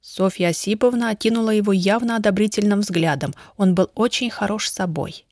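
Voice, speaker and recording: A woman's voice: mid-range voice, fairly quick, a little mellow, no echo. Woman narrating an audiobook, dry close sound. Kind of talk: scripted narration.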